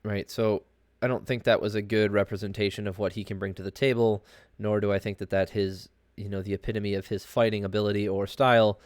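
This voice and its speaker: Male sports podcaster, low and clean-toned, sick with a cold, informal rambling delivery, close dry sound. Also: level tone, brisk, no room sound. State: under the weather, congested with a cold. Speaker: podcast host. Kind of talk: casual solo sports commentary.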